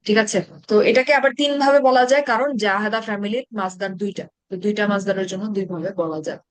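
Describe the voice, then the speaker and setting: A woman's voice: medium pitch, steady tone, quick pace, no echo. A woman teaching an Arabic grammar class in Bengali-accented speech, explaining patiently and asking her students questions. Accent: Bangladeshi Bengali.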